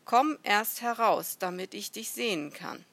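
A woman's voice: on the low side, expressive, measured pace, creaky, fairly bright tone, no room sound, heavily acted. A woman voicing a proud, guarded foreign boy prince who calls back firmly in a storybook reading.

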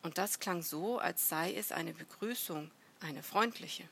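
Slow, low-voiced woman telling a story. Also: vocal fry, a little hiss or hum. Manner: measured, gentle storytelling. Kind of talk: children's story read aloud.

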